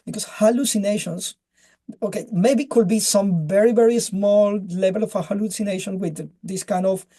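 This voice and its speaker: Halting man on a video call. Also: high-pitched, fairly even intonation, warm tone. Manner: halting, searches for words, many restarts. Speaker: webinar speaker. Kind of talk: casual presentation and chat.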